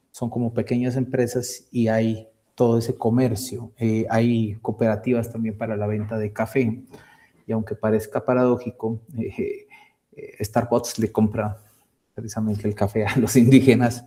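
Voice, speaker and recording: A man from Colombia giving academic feedback on a thesis presentation, halting and repeating words as he thinks, on a video call. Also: medium pitch, mellow. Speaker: thesis committee member.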